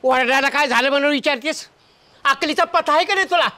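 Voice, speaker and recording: A grumbling hungry old village farmer. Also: male voice, extremely high pitch, fast, sharp tone. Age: older. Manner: scolding, complaining. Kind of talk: village comedy acting.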